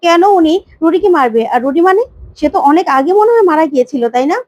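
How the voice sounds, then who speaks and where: A woman's voice: extremely high pitch, animated, quick pace, a little mellow, dry recording, lo-fi sound. A woman voicing a father who has lost his memory, bewildered and irritable.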